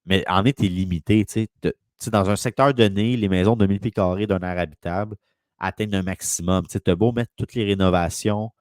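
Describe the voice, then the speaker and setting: A man's voice: sits low, steady tone, brisk, no echo, studio quality. A man with a Quebec French accent, a real estate broker telling a long rambling story in casual conversation.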